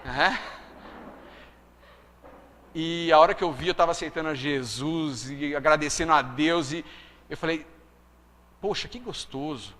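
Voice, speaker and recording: A man's voice: a little high, unhurried, long pauses, a bit bright, long reverb tail, slight background noise. A man preaching a testimony sermon, chatty and full of tag questions. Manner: conversational, frequent tag questions.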